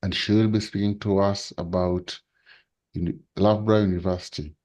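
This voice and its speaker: Deep-voiced man hosting a webinar. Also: fairly even intonation, normal speed, a little mellow. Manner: speech-like, repetitive phrasing. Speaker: webinar host. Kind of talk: formal introduction. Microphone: video call.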